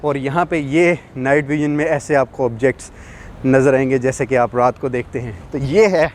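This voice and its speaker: Man, casual car review, demonstrating as he talks, frequent fillers, inside a vehicle, faint background noise. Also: medium pitch. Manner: explains by demonstrating, many fillers. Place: inside a large SUV.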